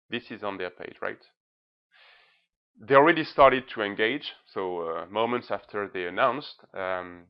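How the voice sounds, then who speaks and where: This blogger, with a lowish, clean-toned voice, reviews banks' social media in an informal screencast-style talk. His delivery is emphatic and dotted with short tag words, though the recording is slightly dull and lo-fi.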